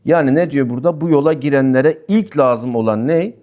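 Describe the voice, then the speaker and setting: A man, a Sufi sheikh, giving a weekly religious talk that mixes personal stories with explanations of passages he reads aloud. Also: fairly quick. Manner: lively storytelling, pitch rising and falling sharply. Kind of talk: religious talk with personal anecdotes and text commentary.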